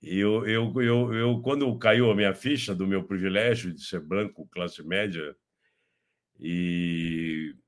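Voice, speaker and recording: An older man from Brazil with a Brazilian Portuguese accent, chatting casually on a political show and telling rambling anecdotes with many restarts. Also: low-pitched. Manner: rambling, repeats words and restarts, animated anecdotes. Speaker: guest commentator.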